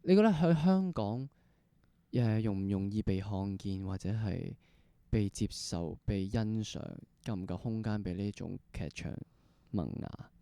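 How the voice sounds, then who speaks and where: A podcast host with a Hong Kong Cantonese accent interviews conversationally, exploring his way through long questions that he rephrases at length. His voice is on the low side, warm and clean, with lively intonation, a measured pace and no room sound.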